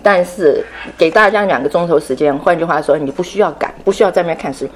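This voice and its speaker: A middle-aged woman teaching a Sunday school class in an unhurried way. She repeats her key phrases, drops in English words and ends her phrases with soft tag particles. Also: lowish voice, a little hiss or hum.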